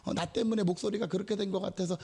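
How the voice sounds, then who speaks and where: A hoarse male pastor quoting a kind, fussing older churchwoman in a slow, earnest, pleading way. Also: sits high, fairly even intonation, darkish tone.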